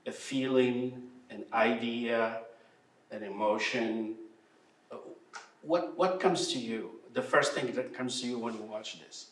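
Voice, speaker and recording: A man from Morocco moderating a panel discussion, halting and repeating words as he searches for phrasing. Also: medium pitch. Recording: echoey room from far off with faint background hum.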